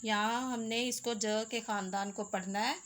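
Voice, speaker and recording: A woman's voice: a little high, steady tone, normal speed, a bit bright. A woman teaching Urdu letters step by step, patiently sounding out each letter with its vowels. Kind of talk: slow step-by-step lesson.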